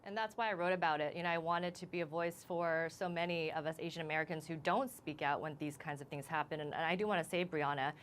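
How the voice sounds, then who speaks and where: A woman reporter on a live news interview, shaken and halting as she recounts what happened, restarting her sentences often. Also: low voice, steady tone, a bit bright, a little hiss or hum.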